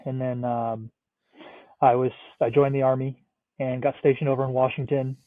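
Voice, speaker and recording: Over a dry, tinny remote line with no room sound, a roughly thirty-year-old Northeastern American guest rambles through a casual podcast interview. He speaks at a moderate pace in a medium, flat voice, saying "like" constantly and swearing freely.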